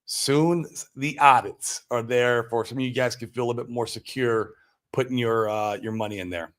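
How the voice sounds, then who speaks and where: At a moderate pace, an American man with a mid-range, slightly bright voice hosts a livestream. He casually answers viewer comments as they come in, speaking in a slangy, exclamatory manner.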